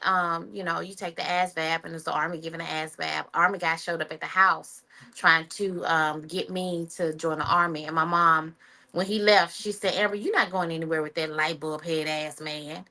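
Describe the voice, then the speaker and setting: Woman guest, 40s, lively storyteller, bright slightly low voice. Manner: animated, acts out quotes with shifting voice. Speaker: interview guest, Air Force veteran. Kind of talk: casual storytelling.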